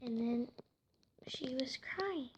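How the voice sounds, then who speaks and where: A woman telling a home-made story casually, hesitant and soft, often slipping into whispers, with faint noise behind her. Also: sits high, animated, slow pace.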